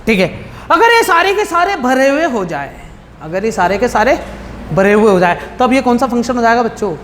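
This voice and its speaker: A man's voice: extremely high pitch, sing-song, brisk, a bit bright. Man lecturing in a reverberant classroom. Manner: rhetorical questions to students, blunt and informal. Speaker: math teacher. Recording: hall reverb with faint background noise.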